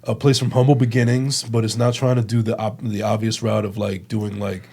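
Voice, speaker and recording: A man, talking casually as a guest in an interview, relaxed and thoughtful, with frequent fillers. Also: fairly low pitch, brisk, creaky, slightly rough. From New Jersey.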